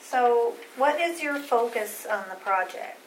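A woman's voice: fairly high pitch, expressive, measured pace, a little hiss or hum, low-quality recording. A woman interviewer reading out prepared questions for a recorded interview.

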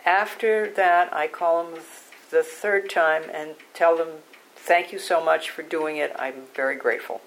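An older woman with a low voice gives an oral history interview. She recollects in measured, halting phrases. There is noticeable noise behind her. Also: fairly even intonation, rough recording.

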